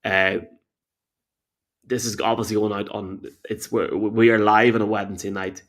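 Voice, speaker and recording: An Irish man hosts a live sports podcast. His voice sits a little on the low side. He talks casually and conversationally. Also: level tone, moderate pace, fairly bright tone. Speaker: podcast host.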